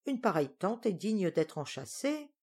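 A woman reading aloud voices a gallant young man in love, earnest and flattering. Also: medium pitch, moderate pace, breathy edge. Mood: ardent. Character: ardent young male painter, gallant.

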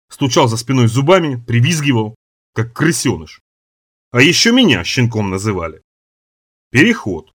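Husky male audiobook narrator. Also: medium pitch, a bit bright. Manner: dramatic first-person storytelling.

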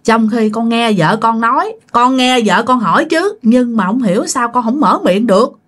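A woman telling a ghost story, animated, with frequent exclamations and asides to her listeners. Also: on the high side, moderate pace.

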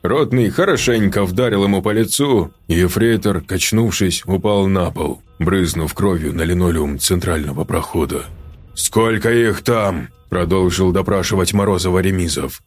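A man narrating a story aloud in a steady, measured reading. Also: low voice, husky, faint music behind. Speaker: audiobook narrator. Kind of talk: scripted narration.

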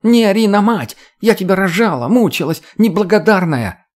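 A man's voice: lively intonation, normal speed. A man voicing a hysterical middle-aged mother who shrieks and screeches. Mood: scolding. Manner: shrill, screeching.

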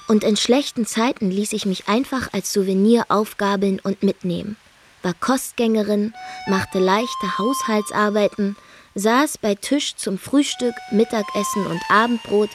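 A woman's voice: mid-range voice, slight background noise, close to an everyday voice. An actress narrating a radio drama monologue as a brash, defiant young woman from Zeeland, with a dry, wry storytelling manner. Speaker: first-person narrator.

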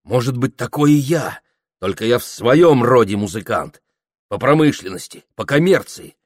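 A man's voice: mid-range voice, lively intonation, normal speed, no room sound, studio quality, voice pushed up, close to an everyday voice. A man reading an audiobook, voicing an awkward young man who boasts eagerly of his plans. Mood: boastful. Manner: eager, boastful, sometimes sulky.

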